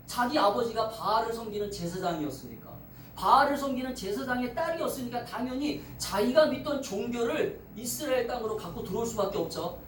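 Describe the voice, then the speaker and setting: A man's voice: high voice, far from the mic, a little hiss or hum. A man preaching a revival sermon as pastor, leading the congregation in call-and-response and rising into fervent exhortation. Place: church sanctuary. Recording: echoey church from off-mic.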